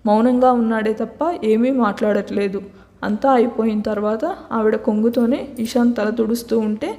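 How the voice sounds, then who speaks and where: A woman storyteller narrating a serialized love story at a steady, plain pace. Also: on the high side, moderate pace, in a large hall.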